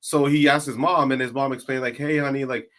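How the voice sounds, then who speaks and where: A man's voice: mid-range voice, steady tone, fairly quick, a bit bright. A man with an ordinary mid-range voice tells a personal story in a loose, casual manner. He fills his sentences with "like" and "you know". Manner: laid-back, uses lots of "like".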